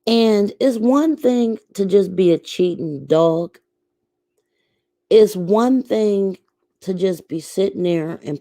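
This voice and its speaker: An American woman delivers casual commentary to her viewers in a slow, deliberate pace. Her voice is on the low side and mellow, recorded dry and close. She leans on key phrases, repeating them for emphasis. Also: no room sound. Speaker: YouTube commentator.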